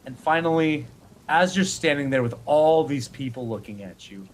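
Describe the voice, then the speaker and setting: A man narrating a tabletop game as game master, slow and dramatic, easily moved to emotion. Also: fairly high pitch, animated, rough recording.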